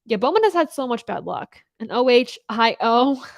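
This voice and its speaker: Very animated but keeping a measured pace, this young racing talk show host chats through viewer questions on a live stream. She's upbeat and laughs often, with many fillers and restarts, and her fairly high voice sounds dry and close, without echo.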